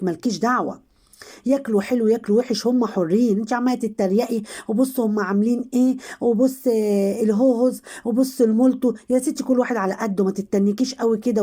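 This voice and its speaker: Egyptian woman vlogger, warm mellow voice, scolding and indignant commentary. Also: mid-range voice. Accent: Egyptian Arabic. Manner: indignant, scolding, talking straight to the people she criticizes. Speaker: vlogger commenting on online drama. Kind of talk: casual commentary to viewers.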